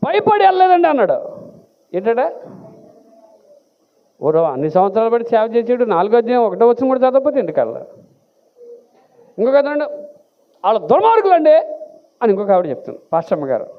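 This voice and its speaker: A male pastor in full sermon flow, his voice sitting high. He keeps asking the listeners questions and then answers them himself. The audio is narrow and tinny, like a phone line. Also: big pitch swings, fairly quick, long pauses.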